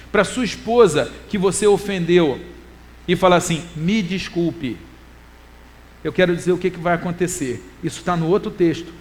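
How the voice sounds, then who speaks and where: A middle-aged Brazilian man preaching a church talk, animated, moving between loud emphasis and quiet asides and reading scripture slowly. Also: high-pitched. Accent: Brazilian Portuguese. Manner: quotes scripture in a slow, deliberate reading voice. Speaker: preacher and lecturer.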